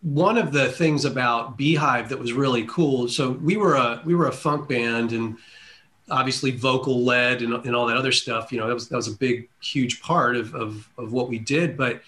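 A man's voice: mid-range voice, normal speed, pushed and bright. A man hosting a podcast interview, talking in an enthusiastic, casual way and often repeating words as he goes. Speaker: podcast host.

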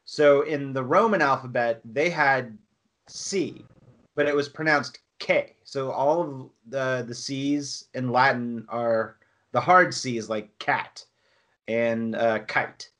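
A man's voice: mid-range voice, slow, a bit bright. A man in casual chat, rambling as he explains, with lots of restarts and fillers.

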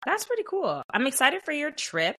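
A woman co-hosting a podcast in casual chat, animated and playful, often laughing. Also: sits high, moderate pace, no echo. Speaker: podcast co-host.

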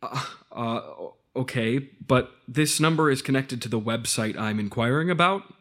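A man's voice: mid-range voice, normal speed, a bit bright, close to an everyday voice. A man playing a laid-back, skeptical investigator in naturalistic audio drama dialogue, casual and understated. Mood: frustrated, hesitant.

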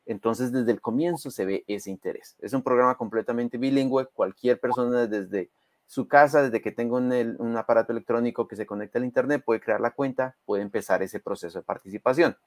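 Speaking a little fast at a medium pitch, this community health program advocate, a man whose native language is Spanish, talks conversationally as an interview guest. He is emphatic, likes rhetorical check questions, and is recorded dry.

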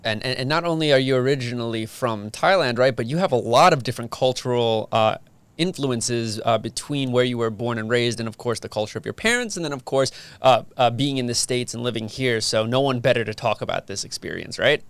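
A man's voice: medium pitch, a little fast, clear, resonant tone, dry recording. A man hosting an interview podcast, upbeat and friendly, with some filler words. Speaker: podcast host.

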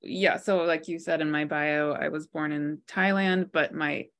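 A woman's voice: low voice, steady tone, a little slow, fairly bright tone. A woman in her forties, a guest author and healer, telling her life story in a reflective, candid way. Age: 40s. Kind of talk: interview.

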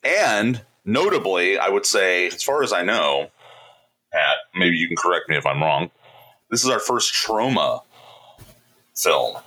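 A man's voice: deep voice, big pitch swings, a little slow, long pauses, bright, forceful tone, poor audio. A man co-hosting a podcast in casual chat, playful and laughing often as he quizzes his co-host.

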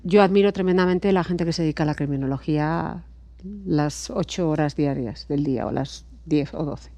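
A woman's voice: sits low, moderate pace, dry recording. A middle-aged woman from Spain with a Spanish accent, a guest psychologist telling stories expressively in casual podcast chat. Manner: lively, expressive storyteller, laughs often.

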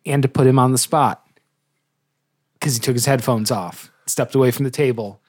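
A man's voice: mid-range voice, moderate pace, darkish tone, no echo, clean studio sound. A man narrating a tabletop game as podcast host and dungeon master, in a grandiose, joking, theatrical way.

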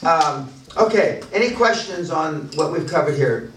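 Against a crowd in the background, a man with a fairly high, lively voice holds forth at a measured pace during an unscripted business seminar, bragging bluntly with lots of profanity and restarts. The sound is distant and echoey, from a large seminar venue room.

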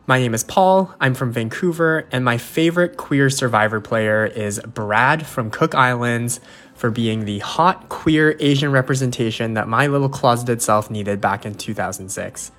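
A man's voice: mid-range voice, normal speed, fairly bright tone. Upbeat man leaving a fan voicemail. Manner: upbeat, self-introducing.

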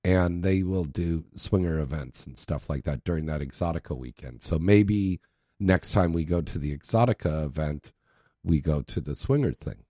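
A man's voice: rumbling low, animated, moderate pace, mellow, no echo, studio quality. A man hosting a casual interview, informal and prompting his guest with questions. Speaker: interview host.

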